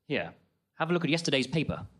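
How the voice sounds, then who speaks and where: Comic radio detective: a man as a brisk, teasing sleuth, lively higher voice. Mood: wry. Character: confident wry male detective. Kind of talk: comedy audio drama.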